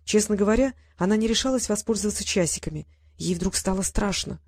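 A woman narrating an audiobook story in a steady, even storytelling voice. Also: medium pitch, fast.

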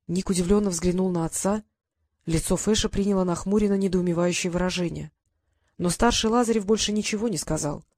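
An audiobook reader narrating a fantasy novel in an even, clear storytelling manner. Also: mid-range voice, a little fast, dry recording, clean studio sound.

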